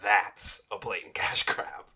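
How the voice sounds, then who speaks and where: A man co-hosts a casual fan podcast, whispering slowly with a sharp tone. He talks emphatically and often repeats himself.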